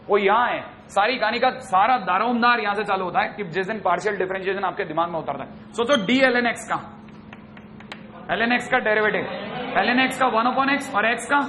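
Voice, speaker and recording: A man teaching math in a classroom lecture, brisk and chatty, teasing his students as he works through problems. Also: very high-pitched, fairly bright tone.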